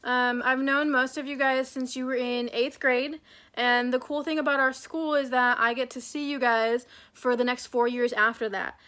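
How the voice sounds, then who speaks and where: A woman teacher offers chatty, cheerful congratulations to seniors. Her voice is high and bright. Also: steady tone, normal speed, smooth. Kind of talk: recorded graduation message.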